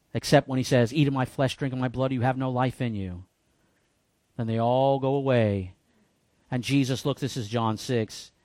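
A man preaching a sermon in church, folksy and joking, with animated bursts when he quotes people. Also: medium pitch, dry recording, clean studio sound. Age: 50s. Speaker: pastor.

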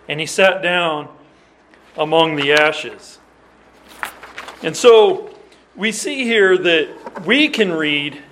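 This preacher's voice sits on the high side with a fairly bright tone. Earnest and emphatic, he reads scripture in archaic language, and his explanations are full of restarted phrases and repeated words.

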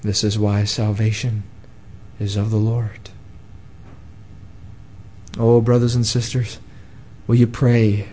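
A male preacher giving an impassioned sermon in a church, pleading and calling out, then dropping to a hushed tone. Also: on the low side, level tone, slow, long pauses, slight background noise.

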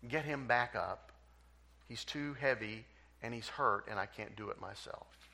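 Man acting out a sobbing little kid begging for help, raised gravelly voice, bright and halting. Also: medium pitch. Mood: pleading. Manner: pleading, halting through tears.

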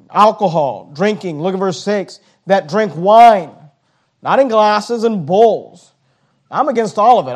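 Man, high-pitched, emphatic pastor's sermon, stumbling restarts, slow heavy scripture reading. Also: a little mellow. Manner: emphatic, punching key phrases, with frequent repeated restarts; reads scripture in a slowed, heightened voice.

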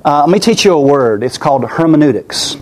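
A man's voice: fairly high pitch, lively intonation, fairly quick, darkish tone, slight background noise. A man preaching a sermon in an earnest way, often repeating and restarting his words, his voice weak and worn.

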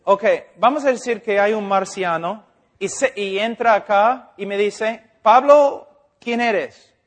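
Male preacher, high voice, unhurried delivery, drops to near-whispers and builds to shouts. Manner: swings from hushed to loud and emphatic. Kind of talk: sermon.

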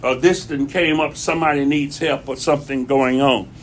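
A man's voice: mid-range voice, steady tone, normal speed, a little hiss or hum. A man preaching a conversational sermon in his church, folksy and repeating phrases for emphasis. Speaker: pastor.

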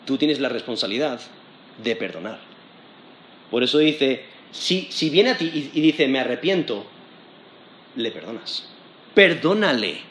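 A man's voice: medium pitch, lively intonation, measured pace, pauses often, a bit bright, a little hiss or hum. Spanish-accented male preacher in an echoey room. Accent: Spain Spanish. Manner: conversational, frequent restarts and tag questions. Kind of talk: expository sermon.

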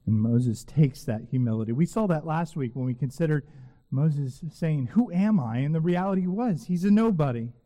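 A man preaching a sermon in a church sanctuary, earnest and emphatic, slowing down to repeat phrases with weight. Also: fairly high pitch, animated, dark tone. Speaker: pastor. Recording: long reverb of a church hall.

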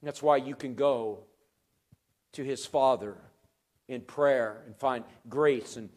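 A male pastor preaching a sermon, swinging between loud emphatic rises and quiet, dropped phrases. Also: mid-range voice, slow pace.

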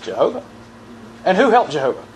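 A man's voice: high-pitched, very animated, fairly quick, a little hiss or hum, low-quality recording. A man teaching from the Bible in a sermon style, asking the audience questions and repeating verse references.

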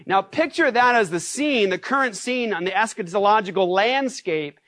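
A pastor preaching a sermon in a lively, conversational way, asking the congregation rhetorical questions. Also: male voice, high voice, moderate pace. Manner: acts out shouted scenes.

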